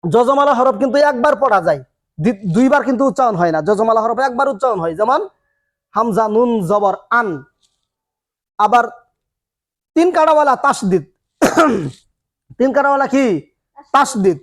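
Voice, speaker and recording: A man's voice: very high voice, expressive, normal speed, pauses often, a bit bright. A man teaching Quran reading in a classroom, asking the students questions and answering them himself as he repeats each rule. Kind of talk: classroom lesson.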